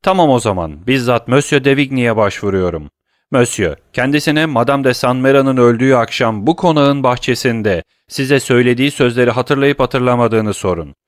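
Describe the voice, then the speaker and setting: A male audiobook narrator voices a grief-stricken young lover who declaims accusations with rising, urgent, impassioned force. The character sits higher and louder than the narration, pressing each phrase at normal speed and staying close to an everyday voice. The recording is dry and close, with no echo.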